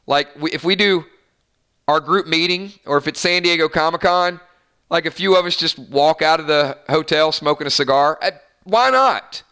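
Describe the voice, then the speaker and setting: A man with a fairly high, smooth voice that sounds pushed and bright talks at normal speed while hosting a casual fan live stream. He reads out viewer comments in an upbeat, rambling, chatty way, full of fillers and restarts.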